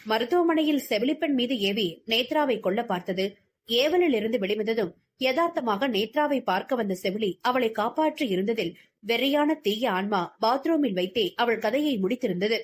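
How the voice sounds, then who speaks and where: A woman's voice: a little high, expressive, normal speed. A woman reading a novel aloud as an audiobook narrator with dramatic storytelling.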